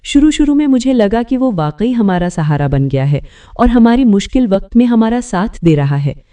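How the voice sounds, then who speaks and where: A mother recounting how her happy family fell into ruin, her tone mellow and dark, voiced by a woman narrator. She tells it slowly and sorrowfully, and the voice sits at some distance from the mic. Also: on the high side, sing-song. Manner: slow, sorrowful storytelling. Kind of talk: first-person dramatic narration.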